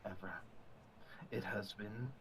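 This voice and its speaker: A man player speaking in character with a hushed, menacing delivery. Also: fairly low pitch, fairly even intonation, slow, a little hiss or hum, poor audio. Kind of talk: in-character role-play.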